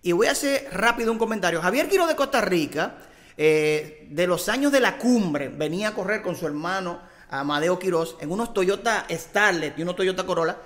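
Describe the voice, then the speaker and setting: A man with an unusually high voice, telling a story with energy. He slips into the voices of the people he quotes. A long reverb trails his voice in the room. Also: normal speed. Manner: excited storyteller, acts out quoted dialogue. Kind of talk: animated anecdote telling.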